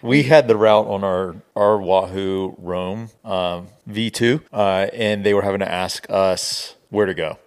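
Male podcast co-host, deep register, casual and conversational. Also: fairly even intonation, measured pace, hardly any pauses, clear, resonant tone. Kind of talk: casual chat.

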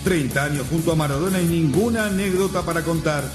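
Brief: man putting on a solemn, high-set trailer narrator, echoing over a loud music bed. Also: lightly acted. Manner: slow, solemn announcer delivery. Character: grave male documentary-trailer announcer. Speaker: mock announcer. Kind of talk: parody promo voice-over.

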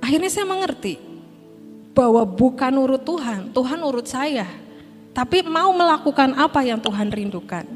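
A woman's voice: high voice, lively intonation, normal speed. A middle-aged woman pastor giving a conversational sermon, telling a personal story and often addressing the congregation directly. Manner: conversational preaching, often addressing listeners as brothers and sisters. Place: church hall. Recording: long hall reverb, music behind.

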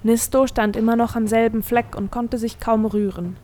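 A woman reading a fantasy story aloud as narrator, in a measured, expressive storytelling manner. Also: on the high side, soft background music. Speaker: audiobook narrator. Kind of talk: scripted narration.

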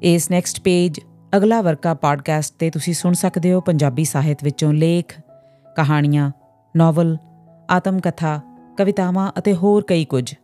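Low, mellow woman narrating a story. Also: moderate pace, soft background music. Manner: expressive, with rising questions. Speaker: audiobook narrator and podcast host.

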